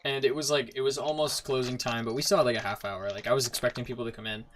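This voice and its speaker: A man's voice: medium pitch, racing, a little hiss or hum. A young man streaming a game, chatting casually and acting out customers in his stories. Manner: animated storyteller, acts out customers. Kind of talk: casual chat while gaming.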